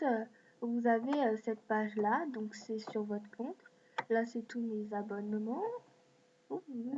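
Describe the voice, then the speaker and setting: A woman hosting a screen-recorded app walkthrough, talking in a hesitant way with many fillers. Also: a little high. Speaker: video host. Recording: dull lo-fi mic with faint hiss.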